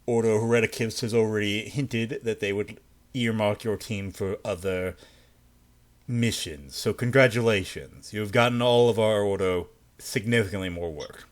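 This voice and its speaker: A man's voice: lowish voice, moderate pace, close to an everyday voice. A man voicing a stern, bureaucratic male interrogator in a tabletop game, with a formal, dryly sardonic address. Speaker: game master.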